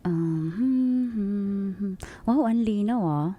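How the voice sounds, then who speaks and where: A woman's voice: medium pitch, slow, narrow, tinny audio, pitched below the performer's own voice, close to an everyday voice. A woman radio DJ playing a jealous young wife in a comedic radio skit, with accusing outbursts and pop music underneath. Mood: puzzled muttering. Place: radio studio. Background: background pop music.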